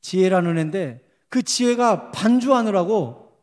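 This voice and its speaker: A man's voice: high-pitched, unhurried. A man preaching a revival sermon as pastor, telling stories animatedly and acting out the voices of the people in them. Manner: animated, acts out quoted voices. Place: church sanctuary. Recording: long church hall reverb.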